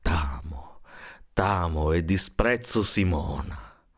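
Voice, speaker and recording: A man reading the speech of a tormented young lover who speaks sternly and bursts out shouting. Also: low-pitched, animated, takes it slowly, full character voice. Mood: agitated.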